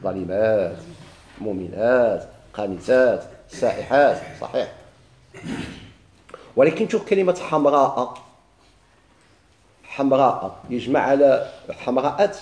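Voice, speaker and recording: A man's voice: mid-range voice, darkish tone, echoey room, slight background noise. A man with a Moroccan Arabic accent teaching a grammar lesson, putting questions to himself and answering them, with examples repeated again and again.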